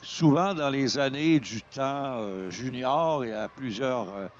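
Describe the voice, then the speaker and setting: A man with a Quebec French accent doing excited sports commentary as a play-by-play announcer, exclaiming over the action. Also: mid-range voice, unhurried, lo-fi sound, slight background noise. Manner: exclaims over plays, voice surging at shots and goals.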